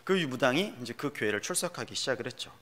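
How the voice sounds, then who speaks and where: A man's voice: mid-range voice, lively intonation, quick pace, sharp tone, in a large hall. A male pastor preaching a sermon in an earnest storytelling way, often asking the congregation questions. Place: church sanctuary.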